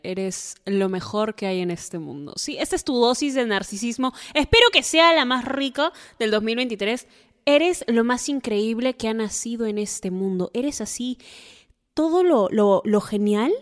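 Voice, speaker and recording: Playful woman podcast host. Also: fairly high pitch. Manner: playful, flattering, exuberant pep talk. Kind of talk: casual chat. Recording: long reverb.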